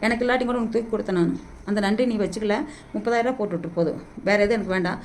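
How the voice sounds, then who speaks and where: A woman's voice: mid-range voice, darkish tone, a little hiss or hum. A middle-aged woman vlogging into a hand-held phone, making an emotional, repetitive plea to be paid back. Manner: pleading, repetitive, rapid-fire and agitated. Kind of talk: emotional direct-to-camera plea.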